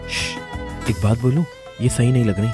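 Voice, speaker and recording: A man's voice: mid-range voice, normal speed, lightly acted. An actor dubbing an exasperated, grumbling young man in a TV drama. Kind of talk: dubbed drama. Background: music.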